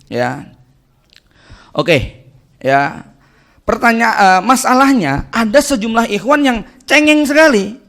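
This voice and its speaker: This casual Islamic study lecture comes from a preacher and family counselor whose voice is slightly high. Almost every phrase ends with a little audience check like "ya" or "gitu kan," and he moves animatedly between stressed lines and quiet asides in a chatty way.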